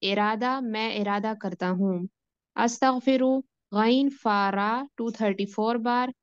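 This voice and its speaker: A woman's voice: fairly high pitch, slow, clear, resonant tone, no room sound. A young woman student reading aloud carefully and answering respectfully. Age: young adult. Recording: dull lo-fi.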